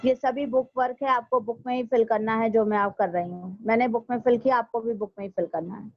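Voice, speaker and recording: A woman's voice: fairly high pitch, steady tone, no room sound. Patient woman teaching maths. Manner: patient, explains step by step, slows down to repeat. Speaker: school teacher. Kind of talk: recorded online maths lesson. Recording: dry, dull lo-fi home recording.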